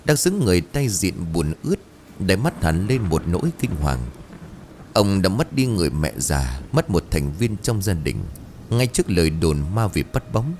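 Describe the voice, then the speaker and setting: A man with a very low voice narrates a scripted ghost story, building suspense line by line. His pitch swings widely as he tells it. Faint ambient sound sits behind him. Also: very animated, moderate pace, darkish tone, slight background noise. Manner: dramatic, suspenseful telling.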